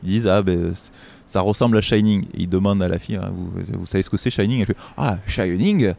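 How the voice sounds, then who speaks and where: A man's voice: low-pitched, steady tone, fast, creaky, mellow. A man hosting a film review show, chatting casually in an indignant, rambling way with many restarts. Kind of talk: casual chat.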